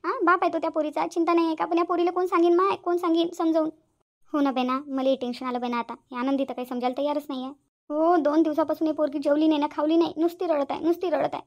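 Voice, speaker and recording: A woman's voice: sits high, flat delivery, fast, dull audio. A woman voicing a worried, weary village mother in a cartoon, scolding and fretting. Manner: fretful, scolding, sighing complaints. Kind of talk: cartoon voice acting.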